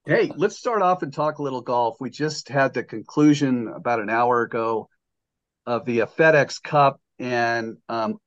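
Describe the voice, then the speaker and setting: A man's voice: mid-range voice, muffled recording. Older man hosting a rambling sports podcast. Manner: rambling and jokey, with many fillers and restarts. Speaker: podcast host. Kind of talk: casual sports podcast chat.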